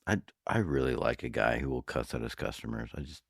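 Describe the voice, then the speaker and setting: A man co-hosting a podcast in casual banter, firing off deadpan wisecracks. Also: rumbling low, fairly quick, vocal fry, dry recording, studio quality. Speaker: podcast co-host. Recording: very noisy recording.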